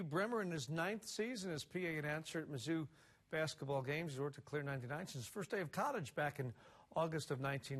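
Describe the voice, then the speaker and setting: A man anchoring a local television newscast with polished, upbeat delivery. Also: fairly high pitch. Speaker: news anchor. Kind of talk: live news anchoring.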